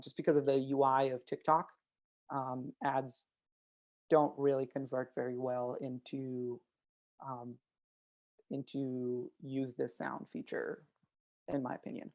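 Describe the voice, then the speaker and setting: A guest speaking in a casual webinar discussion over a video call, hesitant with many ums and uhs. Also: mid-range voice.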